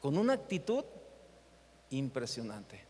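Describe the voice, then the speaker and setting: Speaking a little slowly in a medium-pitched voice with a breathy edge, a Mexican-accented seminar speaker preaches on leadership in a church meeting hall. He animates his talk with anecdotes and rhetorical questions, and the large hall is audible.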